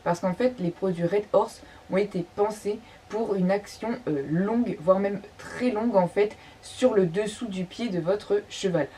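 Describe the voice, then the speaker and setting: A woman's voice: mid-range voice, a little slow, few pauses, warm tone. Woman, product presentation vlog, hesitant with fillers, a bit far from the mic, faint noise behind. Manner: hesitant, many fillers and restarts. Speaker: tack shop owner presenting products. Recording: slightly distant mic, faint background noise.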